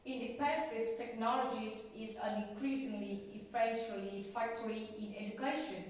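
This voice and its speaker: A woman reading an educational lesson text aloud with steady, careful delivery. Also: on the high side. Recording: echoey hall, voice far from the mic.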